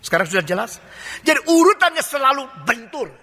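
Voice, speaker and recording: A man's voice: very high-pitched, very animated, brisk, pushed and bright. An older male pastor with an Indonesian accent, preaching a sermon full of rhetorical questions, mock dialogues and colloquial asides. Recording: long hall reverb.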